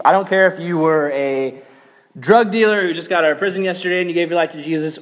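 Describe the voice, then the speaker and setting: A man's voice: on the high side, a bit bright. A young man giving a casual, joking youth sermon, full of "like" and playful asides. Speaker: youth pastor. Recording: echoey hall reverb.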